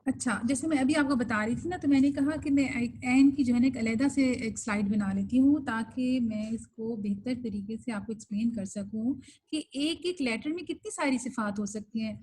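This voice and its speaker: A woman's voice: fairly high pitch, hardly any pauses, darkish tone, a little hiss or hum, rough recording. A woman teaching an online recitation class, explaining things patiently and mixing English terms into her speech.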